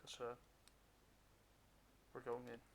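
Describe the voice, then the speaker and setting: Halting man talking through a face mask. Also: mid-range voice, completely flat delivery. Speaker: reaction video host. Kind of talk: casual solo reaction commentary. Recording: hissy, noisy recording.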